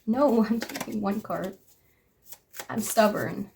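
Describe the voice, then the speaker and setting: Young woman, 20s, tarot reader; relaxed slow delivery, gravelly fry, noisy recording. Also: mid-range voice. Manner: chatty, talks to her cards and spirit. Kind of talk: casual tarot reading.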